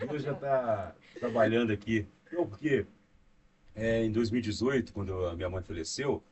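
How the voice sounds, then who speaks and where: Low-voiced Brazilian man, rambling and devout. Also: normal speed, darkish tone. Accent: Brazilian Portuguese. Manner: rambling, devout, frequent fillers. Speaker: podcast co-host. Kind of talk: devout casual conversation. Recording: distant mic with faint noise.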